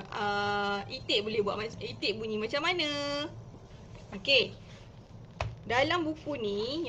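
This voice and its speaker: A woman teacher with a Malaysian Malay accent giving casual live-stream tips, chatty and explaining step by step with lively emphasis. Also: fairly high pitch, noisy background.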